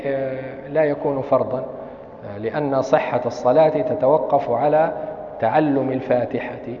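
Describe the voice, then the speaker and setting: A man's voice: a little high, slight background noise. A man with a Libyan Arabic accent, a sheikh giving a classroom lecture on Islamic law, explaining carefully and reciting examples. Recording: echoey hall, dull lo-fi sound.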